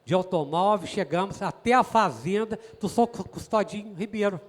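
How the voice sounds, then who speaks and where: Homem mineiro de voz aguda, contador de causos. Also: male voice, sits high, moderate pace, long reverb tail. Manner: chatty, folksy, with many asides to the audience. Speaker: guest. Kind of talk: storytelling in an interview.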